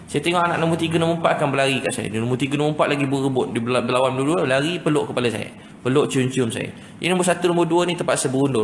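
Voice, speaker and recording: A man with a Malaysian Malay accent preaching, telling family stories and acting out the voices of parents and children. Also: medium pitch. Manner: storytelling, acts out family voices. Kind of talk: sermon with anecdotes. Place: mosque lecture hall. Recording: echoey hall with faint noise.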